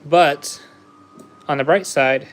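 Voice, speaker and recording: An American livestream host builds a Lego set while chatting casually with viewers, easygoing and laughing often. His voice is fairly high and he takes it slowly.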